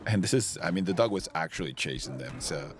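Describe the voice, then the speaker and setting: Male film director, very deep voice, informal commentary, halting and repetitive phrasing. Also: expressive, noisy background.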